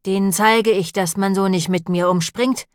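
A woman's voice: mid-range voice, steady tone, moderate pace, dry recording, clean studio sound, natural voice. A woman reading the lines of a grim, cold-tempered butcher in an audiobook, speaking level and matter-of-fact. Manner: level and matter-of-fact, turning quiet and menacing.

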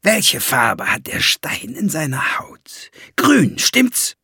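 A man's voice: fairly high pitch, wildly swooping pitch, slow, creaky, sharp tone, breathy edge, no room sound, clean studio sound, voice pushed up, exaggerated voice. A man voicing a scheming, gloating male dwarf in an audiobook, sneering and mocking with greedy glee. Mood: sly. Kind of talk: audiobook character voice.

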